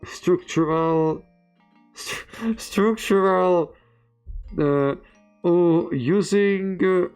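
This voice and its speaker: A man with a high, a little mellow, clear and resonant voice, pushed up, voices a formal schoolteacher in a video game. His lecturing is halting, as he stumbles word by word deciphering and reading reversed dialogue aloud. Faint music plays behind him.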